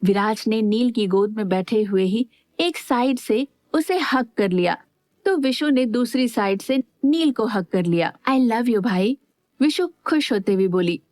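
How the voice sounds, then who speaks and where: A woman narrating a romance audio story in calm, even storytelling. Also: on the high side, measured pace, dry recording, clean studio sound. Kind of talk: scripted narration.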